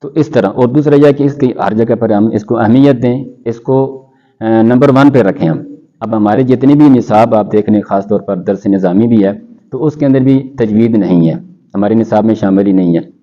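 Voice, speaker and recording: A man who teaches Quran recitation, answering interview questions in a measured way and quoting scholars in Arabic. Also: on the low side, warm tone, dull audio.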